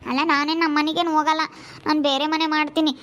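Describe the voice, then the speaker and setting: A woman's voice: high voice, level tone, fast talker, fairly bright tone. Woman playing a weepy homesick young wife. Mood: tearful pleading. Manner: weepy, pleading. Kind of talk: village skit acting.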